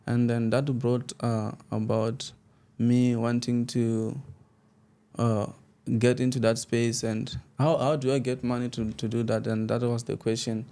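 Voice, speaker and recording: This clip has a mid-range male voice with a warm, clear, resonant tone, delivered flatly and without hurry. The speaker is a young man from Limpopo, South Africa, whose first language is Xitsonga; as a student media founder interviewed casually, he wanders through his answers with many restarts and laughs.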